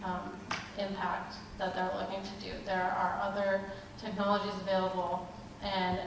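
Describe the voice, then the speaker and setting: A woman from Southern Maryland giving a measured public comment at a hearing, pausing often with ums. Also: mid-range voice, monotone. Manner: measured, halting with many ums. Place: large public meeting room. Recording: echoey hall from a distance, background noise.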